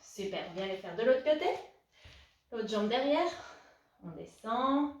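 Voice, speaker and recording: A woman's voice: on the high side, animated, measured pace. A young woman coaching a postpartum workout class, cheering and counting reps as she moves through the exercises. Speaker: fitness coach. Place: room at home, moving around away from the camera. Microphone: camera at a distance. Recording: roomy echo, voice from a distance.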